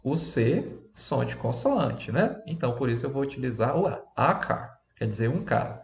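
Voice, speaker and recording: Animated Brazilian teacher, echoey room. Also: male voice, medium pitch, normal speed, vocal fry. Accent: Brazilian Portuguese. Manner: chatty, checks in often with the class. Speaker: English teacher. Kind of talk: teaching a lesson.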